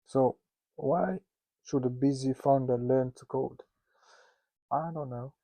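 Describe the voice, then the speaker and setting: A warm, medium-pitched voice, recorded dry, belongs to a Russian-accented man teaching founders in a relaxed lesson. He cracks jokes at his own expense in loose asides and keeps breaking off to restart sentences, leaning on fillers.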